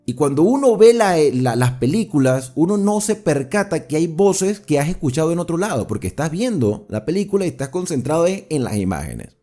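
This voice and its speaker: A man's voice: fairly high pitch, big pitch swings, a little fast, few pauses, warm tone, faint music behind. A man teaching a livestreamed Bible study in a conversational way, explaining verse by verse and putting questions to his audience.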